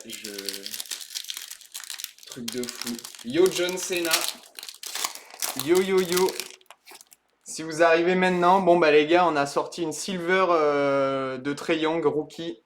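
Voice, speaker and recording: A man streaming a live card break, calling out each card in slow, hushed commentary that bursts into ecstatic shouting. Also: on the high side, noisy background.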